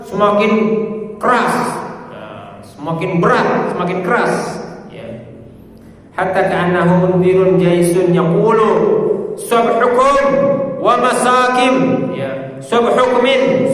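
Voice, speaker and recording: Male religious teacher, slightly high voice, recites Arabic and jokes with his listeners, recorded far off in a reverberant hall. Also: fairly bright tone. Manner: explains in Indonesian with recited Arabic phrases, repeats points, jokes with listeners. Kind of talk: religious study lecture to a congregation. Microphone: microphone in the room.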